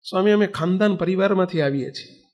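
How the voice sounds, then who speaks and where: Man doing a young male student, poor, tearful, earnest, pleading, high voice. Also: fast talker, darkish tone, lightly acted.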